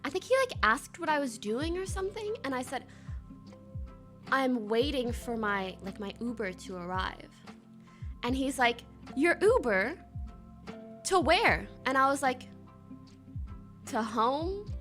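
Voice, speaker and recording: A woman streamer telling a story in casual chat to her viewers, animated and slangy, laughing often and swearing now and then. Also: high voice, moderate pace, soft background music.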